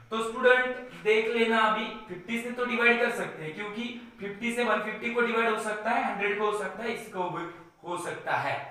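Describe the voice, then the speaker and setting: A man teaching a math lesson, talking slowly and repeating words as he writes on the board. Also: high-pitched, pushed and bright. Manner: slow, repeats words while writing, keeps saying "student". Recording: echoey room.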